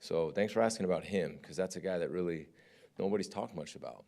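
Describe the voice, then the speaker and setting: Male defensive coordinator, very deep voice, frank press-conference talker. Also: fast, creaky, warm tone, slight background noise. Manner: candid, conversational, often asks "right?".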